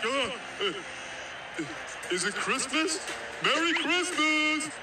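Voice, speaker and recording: A man doing a slow, confused cartoon starfish. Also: very high-pitched, lively intonation, very noisy, voice pushed up, exaggerated voice. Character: dim-witted cheerful male cartoon starfish. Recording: distant echoey recording over loud music.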